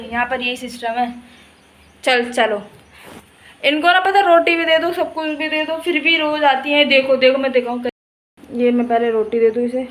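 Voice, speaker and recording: A woman's voice: high voice, fairly bright tone, poor audio. A young woman chatting casually to viewers in a home vlog, laughing often, and later sounding tired and unwell. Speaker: vlogger. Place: indoors and in yard of a home.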